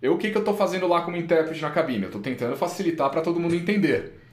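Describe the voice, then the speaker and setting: A man's voice: fairly high pitch, racing. A man with a Brazilian Portuguese accent, a podcast co-host and interpreter chatting casually and emphatically. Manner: animated, laughs often, emphatic. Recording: echoey room.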